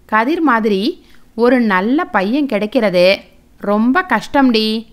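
Woman doing a reproachful storybook father, firm and slow, lightly voiced. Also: on the high side, expressive. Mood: stern. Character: stern middle-aged father scolding his wife.

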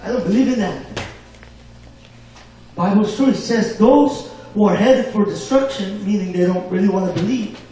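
Male preacher, high voice, call-and-response delivery, booming church echo, distant mic. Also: moderate pace, mellow. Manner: call-and-response, asks for amens. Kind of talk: sermon. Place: church hall. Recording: very echoey hall, mic far off.

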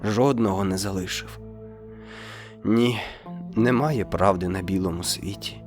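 A sorrowful, ancient storybook parrot, as a male narrator puts him on. He speaks slowly and gloomily, his voice sinking low. Soft music plays behind him. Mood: mournful. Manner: mournful, gloomy. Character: old grieving male parrot, a hundred years old.

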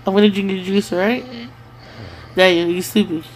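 A woman's voice: medium pitch, steady tone, normal speed. Teasing woman in a slightly noisy home recording. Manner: teasing, repetitive prodding questions. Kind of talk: casual teasing chat with a sleep-talking partner.

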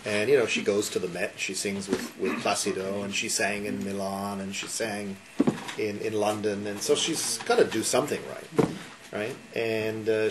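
A man in his sixties talking enthusiastically at a dinner gathering, rambling with many restarts and asides. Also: on the low side. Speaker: concert sponsor and guest speaker. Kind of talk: casual after-dinner talk. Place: wood-panelled dining room with a seated crowd. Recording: noisy room recording.

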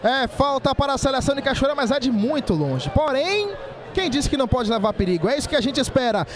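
A man's voice: very high-pitched, sing-song, quick pace, background noise. A man with a Bahian accent calling a football match live from an outdoor ground. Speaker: football play-by-play announcer. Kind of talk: live sports commentary.

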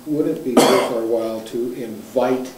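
A man's voice: mid-range voice, steady tone, normal speed. A male town councillor asking a hesitant question at a council meeting, repeating words as he goes. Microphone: far room mic. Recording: very echoey room, distant mic, hiss.

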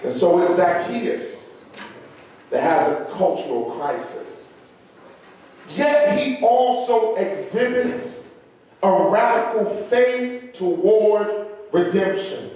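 Male pastor, middle-aged, high voice, slow measured sermon delivery, big church echo. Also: lively intonation, darkish tone. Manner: slow, measured preaching with lilting emphasis. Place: large church sanctuary. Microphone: handheld microphone at pulpit. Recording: very echoey church hall.

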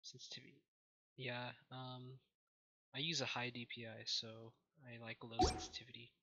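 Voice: mid-range voice, level tone, normal speed, dull audio, heavy background noise. A young adult gaming host giving casual let's play commentary. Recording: loud game music behind. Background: game music.

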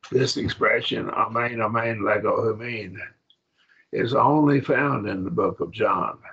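A man teaching a Bible Greek class, halting and repeating himself, often checking that the class follows. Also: on the low side, creaky, fairly bright tone, husky, muffled recording. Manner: halting, repeats words, asks the class if it makes sense.

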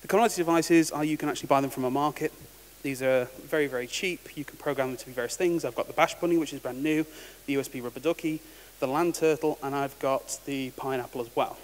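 A man with a mid-range voice talks quickly with few pauses, delivering a technical conference talk in a casual, wry way and often restarting words. He's a conference speaker in a large hall, and the recording is reverberant with faint hiss.

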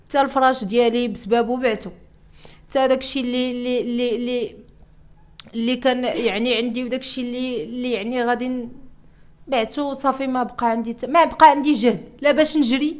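Rapid, high-voiced Moroccan woman. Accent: Moroccan Arabic. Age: young adult. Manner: distressed, repeating herself and restarting often. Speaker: interviewee. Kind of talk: emotional personal testimony.

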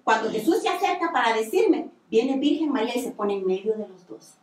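A woman's voice: a little high, sing-song, fairly quick. A woman giving a religious testimony on the radio, telling her story earnestly with many repetitions. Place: radio studio. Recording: echoey room, distant mic.

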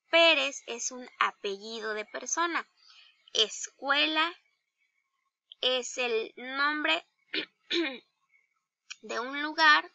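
Slow, bright-voiced woman teacher. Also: sits high, vocal fry, no echo, highs cut off. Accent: Mexican Spanish. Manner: slow, deliberate, spells out each example; addresses pupils directly with questions. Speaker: primary school teacher. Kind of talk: slide-based grammar lesson for children.

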